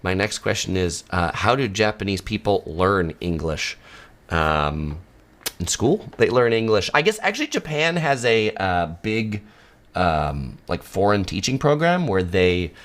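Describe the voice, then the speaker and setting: A man with a low, relaxed voice answers viewer questions at a measured pace in a casual live Q&A from his home studio. He's a travel channel host, and his conversational delivery is full of ums and uhs.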